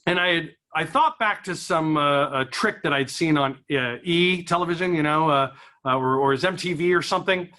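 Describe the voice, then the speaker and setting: Bright, high-voiced stand-up comedian. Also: male voice, normal speed. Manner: self-deprecating, animated storytelling with acted-out inner voices. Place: small event room with a live audience.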